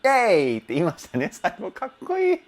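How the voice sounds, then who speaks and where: A man's voice: high voice, huge pitch swings, a little fast. Chatty man breaking down singing technique. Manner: chatty, self-deprecating, laughs often, hums and imitates sung phrases. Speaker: vocal trainer. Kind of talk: vocal analysis commentary.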